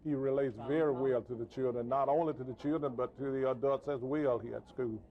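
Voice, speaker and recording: A man speaking as a school principal, giving a formal, deliberate statement in an interview. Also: mid-range voice, steady tone. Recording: dull, muffled sound.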